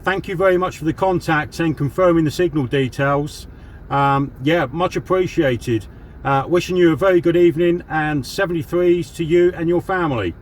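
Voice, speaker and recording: A man from southern England, a CB radio hobbyist and video host, chats casually in radio jargon while walking through a gear demo. His voice is a little high, at normal speed, with slight background noise.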